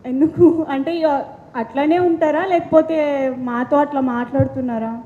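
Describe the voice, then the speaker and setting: A woman's voice: high-pitched, brisk, warm tone, lo-fi sound, slight background noise. A woman reporter asking direct, probing questions at a press meet.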